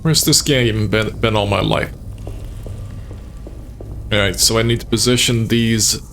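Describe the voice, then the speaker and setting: Gravelly man doing laid-back game commentary. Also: lowish voice, measured pace, faint music behind. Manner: relaxed, enthusiastic, chuckling. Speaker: gaming streamer. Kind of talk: casual gameplay commentary.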